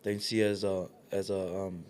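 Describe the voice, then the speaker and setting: Guest voice: a New man, low and fairly monotone, laid-back and earnest, casual interview talk. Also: normal speed, a little hiss or hum. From New Zealand. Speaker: guest, community leader.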